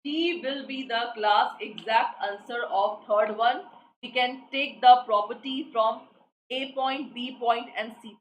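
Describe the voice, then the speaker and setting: A female tutor with an Indian English accent leads a live online class, repeating every question and pushing students for answers. She speaks unhurriedly in a slightly high voice, recorded in an echoey room with a faint hiss behind her.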